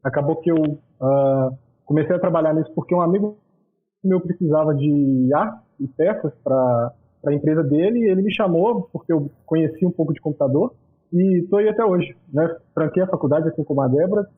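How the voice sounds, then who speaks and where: A man's voice: fairly high pitch, brisk. Young man on a tinny video call. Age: 20s. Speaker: designer and editor. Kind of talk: casual chat on a video call.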